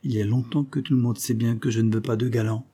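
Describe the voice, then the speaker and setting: A man voicing a quiet, faithful young village woman who speaks gravely and steadily. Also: medium pitch, steady tone, quick pace, lightly acted.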